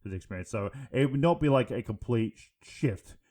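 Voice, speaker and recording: A man chatting on a gaming podcast, talking in quick halting bursts with many fillers. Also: medium pitch, expressive, darkish tone. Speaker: podcast co-host. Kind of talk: casual chat.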